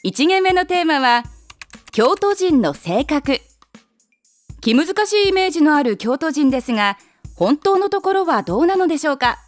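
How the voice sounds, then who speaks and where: A woman host reads scripted introductions in a polished way, her voice high and lively over faint background music. The recording is dry and close. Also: normal speed, dry recording. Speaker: program host. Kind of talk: scripted announcing.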